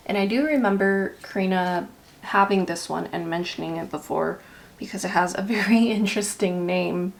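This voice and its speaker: Her voice sits in the mid-range with some vocal fry, and she speaks at a normal speed. She's a YouTube vlogger going over ink swatches in a loose, rambling way, a touch self-conscious, with a slight lisp caused by her retainer.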